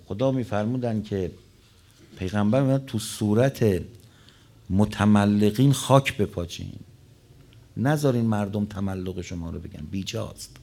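A man's voice: on the low side, creaky, warm tone. A man preaching a religious sermon, telling stories and quoting Arabic lines, his voice rising and dropping.

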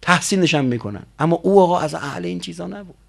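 A man preaching a sermon, telling stories in colloquial speech and slowly chanting prayer lines. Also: high voice, lively intonation, creaky, a bit bright.

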